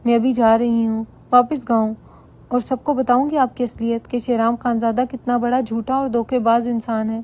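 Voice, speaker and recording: A woman voicing a heartbroken young wife who shouts her accusations. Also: fairly high pitch, little pitch movement, close to an everyday voice. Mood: furious.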